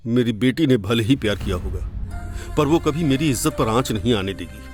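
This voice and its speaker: A man's voice: mid-range voice, brisk, faint music behind, close to an everyday voice. An actor dubbing a devoted middle-aged father who defends his daughter, earnest and pleading. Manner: pleading, then proud and steady. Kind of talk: Hindi film dub.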